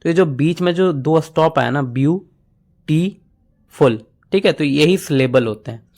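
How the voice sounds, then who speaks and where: A man's voice: a little high, a little fast, gravelly, darkish tone. Hindi-speaking man teaching words. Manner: explains words in Hindi mixed with English, memory tricks, frequent "ठीक है". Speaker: English vocabulary teacher. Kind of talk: exam-prep vocabulary lesson.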